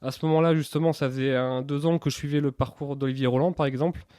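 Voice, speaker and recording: A man's voice: mid-range voice, steady tone, fast talker, warm tone, no room sound, studio quality. A man, giving candid interview answers earnestly and hesitantly, often repeating words mid-sentence. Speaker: interview guest, entrepreneur.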